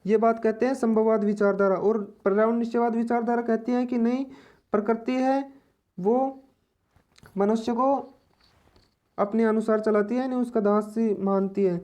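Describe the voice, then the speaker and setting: A woman teaching an exam-prep lesson, explaining slowly and repeating each point in other words. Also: on the high side, steady tone, warm tone.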